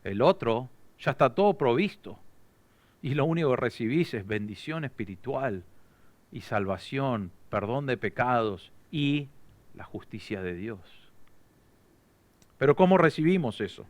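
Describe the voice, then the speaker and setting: A man with an Argentine Spanish accent preaching an expository sermon as pastor, growing louder and higher for emphatic declarations. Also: expressive, measured pace, no echo.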